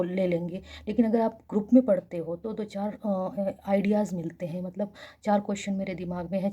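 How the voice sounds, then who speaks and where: Soft-spoken young woman, mellow husky voice. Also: medium pitch, dull audio. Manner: talks softly so as not to wake neighbours. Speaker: vlogger. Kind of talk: casual late-night vlog chat. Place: small rented room in a girls' hostel, at night.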